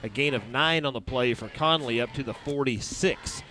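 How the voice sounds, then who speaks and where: A man's pushed, bright voice carries the play-by-play of a high school football game, recorded at an outdoor stadium. He moves briskly from snap to snap and works in sponsor reads.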